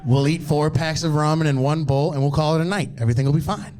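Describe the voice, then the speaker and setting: A man's voice: fairly high pitch, fast, darkish tone, lightly acted. A comedian voicing his imagined male house cat as a laid-back surfer dude with drawling slang. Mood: chill, reassuring. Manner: drawling surfer slang, calls everyone bro.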